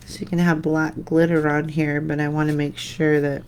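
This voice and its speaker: A woman hosting a live painting tutorial, chatting with viewers and trailing off into quiet mutters as she concentrates. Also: low voice, level tone, moderate pace, slight background noise. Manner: chatty, answers viewer comments while painting; drifts into soft mutters when concentrating. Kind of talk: live painting demo, casual chat.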